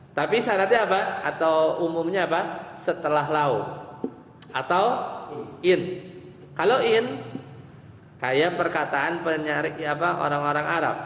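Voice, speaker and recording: A man from Indonesia teaches an Islamic grammar class at an unhurried pace, with a slightly raised pitch for a man. He repeats each term and asks questions that he then answers himself. The recording is muffled and lo-fi, with a long hall reverb. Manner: explains slowly, repeats terms, asks and answers own questions. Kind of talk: Islamic study lecture. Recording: echoey lo-fi hall recording with faint hum.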